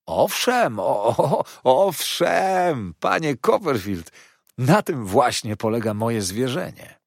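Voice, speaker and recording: Casting note: a syrupy, groveling young clerk, sly and falsely humble, pitched high and pushed loud, read by a man in a storybook reading. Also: sing-song, slow pace, gravelly, no room sound, clean studio sound, heavily acted. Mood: fawning. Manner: sugary, wheedling, obsequious.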